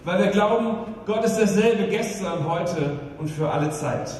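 Male pastor, high voice, emphatic sermon delivery; distant mic, long echo, faint noise. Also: darkish tone. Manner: emphatic preaching, rhetorical questions, slows down for emphasis. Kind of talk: Easter sermon.

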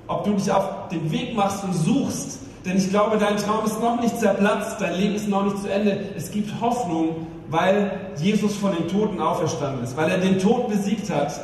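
Male pastor, high voice, emphatic sermon delivery; distant mic, long echo, faint noise. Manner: emphatic preaching, rhetorical questions, slows down for emphasis. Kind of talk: Easter sermon.

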